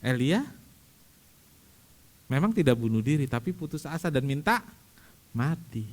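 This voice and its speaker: A man preaching a sermon at a church service, animated and speaking straight to the congregation with frequent direct questions. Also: medium pitch, a little slow. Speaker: pastor.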